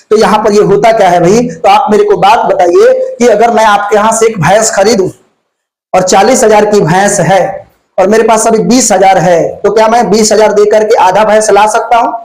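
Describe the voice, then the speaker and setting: Here a man teaches physics for an exam, his voice high and a little mellow, captured with poor audio. He's folksy and talkative, asking questions only to answer them himself, in a lit classroom where insects are flying around.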